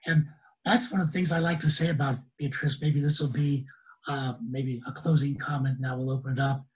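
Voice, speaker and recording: A man's voice: mid-range voice, fairly even intonation, fairly quick, low-quality recording. A man in his sixties, an enthusiastic guest speaker who laughs often, talking on a video call. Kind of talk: casual webinar talk.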